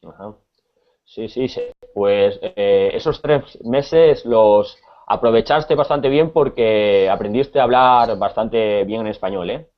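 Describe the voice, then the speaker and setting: A man from Spain with a Spanish accent, teaching a conversational Spanish lesson, pausing often with repeated words and fillers. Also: fairly low pitch, muffled recording.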